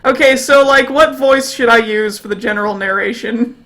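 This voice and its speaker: A woman's voice: a little high, normal speed, a bit bright. Giggly, playful woman host. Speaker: host of a game let's play. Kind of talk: casual banter.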